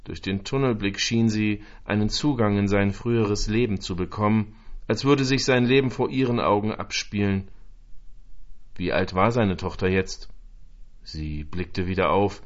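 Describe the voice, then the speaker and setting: A man reading a literary story aloud in a slow, measured, emotive way with long pauses. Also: lowish voice, lo-fi sound. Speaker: narrator.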